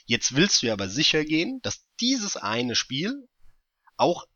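A man's voice: a little high, huge pitch swings, unhurried, sharp tone, no room sound, dull audio. A man co-hosting a casual gaming podcast, explaining his points through hypothetical scenarios. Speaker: podcast co-host.

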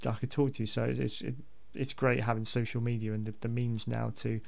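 Gravelly, hesitant male podcast host. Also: medium pitch, little pitch movement, fairly quick. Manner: hesitant, rambling, repeats words. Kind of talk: casual unscripted podcast introduction.

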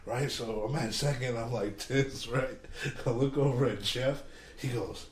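A man's voice: medium pitch, unhurried. A man co-hosting a podcast, telling a story in a casual, profane way and laughing often. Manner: animated, profane, laughing while telling stories. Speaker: podcast co-host. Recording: echoey room with noise.

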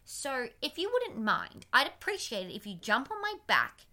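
Polite helpful young girl, courteous, bright tone, a woman reading. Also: sits high, wildly swooping pitch, normal speed, full character voice. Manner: polite, pleading.

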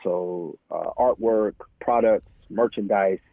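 An American man talks candidly and informally as an interview guest, halting often and peppering his speech with "man" and "you know." His voice is lowish with vocal fry and no echo, coming through a thin, dry, phone-like line.

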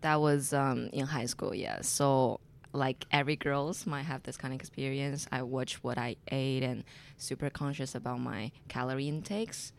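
Young woman with a gravelly edge. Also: very deep voice, fairly even intonation, moderate pace. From China. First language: Chinese. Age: early 20s. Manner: hesitant, with restarts and light laughs. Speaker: guest. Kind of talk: casual interview answers.

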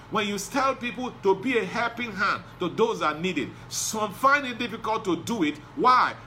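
A man delivers a sermon in a high, bright voice. He hammers his points home through repetition. A faint noise hangs behind him. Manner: preaching with emphatic repetition. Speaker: pastor.

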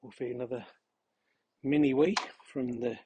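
A man's voice: medium pitch, steady tone, moderate pace, narrow, tinny audio, noisy background. A man hosting a podcast as a casual, rambling monologue while walking outdoors on a country path. He is out of breath and adds dry, jokey asides. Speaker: podcast host.

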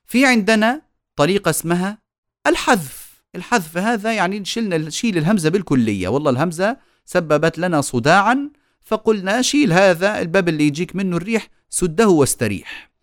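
Male recitation teacher, patient explainer, animated intonation, dry close sound. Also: high voice, fairly quick, dry recording. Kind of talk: recorded online lecture.

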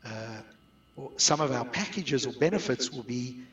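A middle-aged South African man, a guest expert on outsourcing businesses, answers interview questions conversationally. His medium-pitched voice is expressive and a bit bright at a moderate pace. The audio is dull, with roomy echo from sitting distant from the mic.

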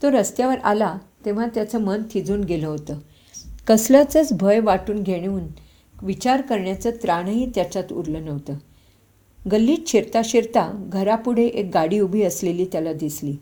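A woman storyteller reads a short story aloud in a medium pitch, narrating steadily and voicing the characters' quoted lines.

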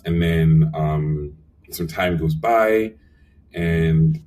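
A young man telling lively stories as a guest in a casual interview, acting out quotes with lots of fillers. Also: rumbling low, drawn-out words, recorded from a distance. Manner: animated storyteller, acts out quotes, frequent fillers. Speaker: animation supervisor guest.

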